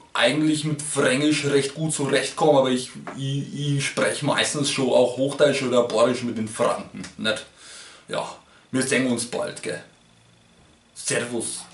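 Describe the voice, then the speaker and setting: A man's voice: on the high side, far from the mic. Man doing German dialect impressions. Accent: Bavarian. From Munich, Bavaria. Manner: hops between German dialect voices. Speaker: language YouTuber. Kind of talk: comic dialect imitations. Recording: echoey room, voice a bit off-mic.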